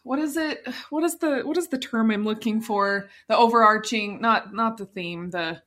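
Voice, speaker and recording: A woman's voice: fairly high pitch, moderate pace, fairly bright tone. A woman co-hosting a podcast in casual chat, often laughing and searching for words. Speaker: podcast co-host. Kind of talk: casual chat recapping a TV show.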